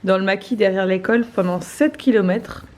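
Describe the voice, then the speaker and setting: Woman vlogging over clear noise. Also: medium pitch, brisk. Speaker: vlogger and mother. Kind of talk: casual vlog chat.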